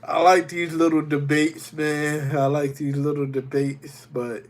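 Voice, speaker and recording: A young man livestreams while recovering from a cold, chatting loosely with viewers and greeting them by name. His fairly high voice is unhurried and flat in delivery.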